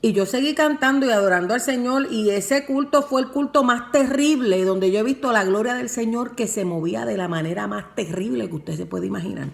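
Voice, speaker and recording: A woman's voice: a little high, a little fast, vocal fry, hardly any pauses. A woman preaching a sermon and telling her own testimony, with emphatic repeated phrases and fervent delivery. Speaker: preacher and worship singer.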